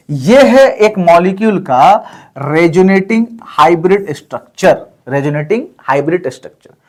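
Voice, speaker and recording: A male chemistry teacher explaining step by step, repeating points and often checking in with his students. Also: high voice. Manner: repetitive, checks in with listeners often. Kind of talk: explaining on a whiteboard.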